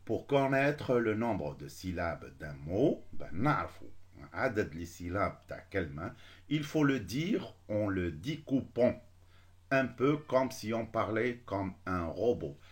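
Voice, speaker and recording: A man with an Algerian accent teaching a beginners' French lesson, switching between French and Algerian Arabic and drawing out syllables slowly. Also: fairly low pitch, big pitch swings.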